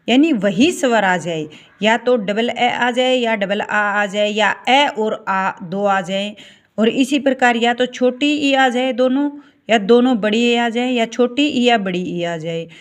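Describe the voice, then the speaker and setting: A woman teaching a Hindi grammar class, spelling out vowel sounds one by one and checking with students as she goes. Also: a little high. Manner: slow, repeats "ठीक है" and asks checking questions.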